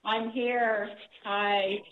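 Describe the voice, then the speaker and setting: A woman's voice: on the high side, level tone, drawn-out words. A woman calling into a radio talk show on a speakerphone held away from her, so she sounds echoey, and she often starts over. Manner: hesitant, restarts often. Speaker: radio call-in caller. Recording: tinny phone line.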